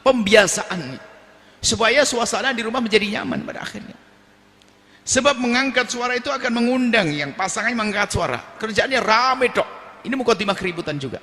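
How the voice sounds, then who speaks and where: A man preaching a sermon on family life, animated, now and then acting out quarrelling relatives in a raised voice. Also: fairly quick. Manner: animated, acts out quarrelling family members in a high voice. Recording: long hall reverb.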